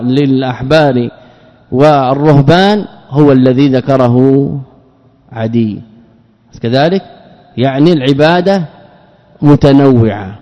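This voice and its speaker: A man's voice: a little high, dark tone. A man giving a religious lesson, explaining terms and grammar and putting questions to his listeners. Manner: explains words and grammar, asks the audience questions. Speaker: Islamic scholar teaching a book. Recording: dull lo-fi recording with long hall reverb.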